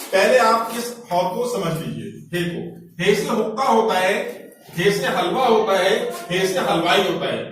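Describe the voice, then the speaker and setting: A man with a high-pitched, lively, fairly bright voice teaches Urdu letters in a classroom, slowly and patiently repeating each letter with example words and often checking "ठीक है?". The room is very echoey with the mic far off, faint noise, and faint music behind.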